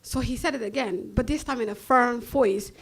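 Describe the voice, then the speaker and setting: A woman from Somalia with a Somali accent, telling a personal story on stage in a blunt, animated way and laughing often between lines. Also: on the high side, normal speed.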